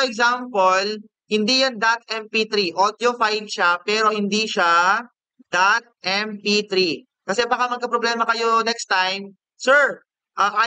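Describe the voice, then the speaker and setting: A man with a Filipino accent teaching a screen-recorded software lesson, casual and checking in with the class often. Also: high-pitched, smooth, dry recording.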